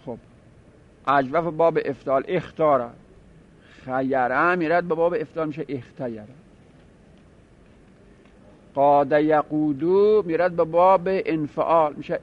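Man teaching grammar on a lo-fi recording. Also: on the high side. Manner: explains step by step, repeats and drills word forms. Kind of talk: seminary-style grammar lesson. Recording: dull lo-fi recording.

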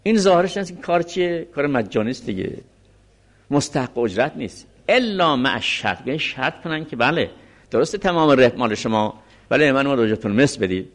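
Man lecturing with lively pitch. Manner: explains step by step, reads Arabic text then restates it. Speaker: seminary teacher. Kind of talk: lecturing on a legal text.

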